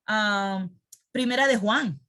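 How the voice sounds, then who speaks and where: A woman's voice: mid-range voice, slow pace, pushed and bright. A woman teaching a Sunday school Bible lesson. She quizzes her class, repeats key words and keeps checking that they follow along.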